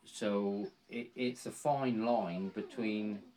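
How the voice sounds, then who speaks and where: Low-voiced Cornish man in his sixties. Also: fairly even intonation, takes it slowly, darkish tone. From Cornwall, England. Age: 60s. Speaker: interviewee, volunteer woodland ranger. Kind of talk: casual conversational interview.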